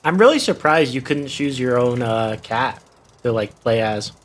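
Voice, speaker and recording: A man's voice: mid-range voice, lively intonation, moderate pace. Chatty young man playing a game. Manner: chatty, reacts aloud to the game, laughs often. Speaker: gaming YouTuber. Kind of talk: casual let's play commentary. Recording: game music behind the voice. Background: game music.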